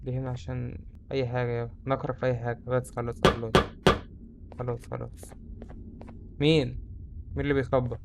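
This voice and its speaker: A man's voice: mid-range voice, flat delivery, quick pace, gravelly, pauses often, heavy background noise. A young man with an Egyptian Arabic accent, chattering through a horror game and saying he is scared. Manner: chatty, jumpy, easily spooked. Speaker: gamer. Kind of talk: let's-play commentary.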